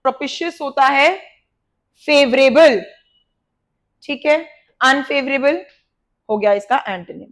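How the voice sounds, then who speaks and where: A woman's voice: high voice, slow pace, pauses often. A woman with an Indian accent teaching a vocabulary lesson, explaining words with memory tricks and repeating them. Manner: lively explaining with repetition.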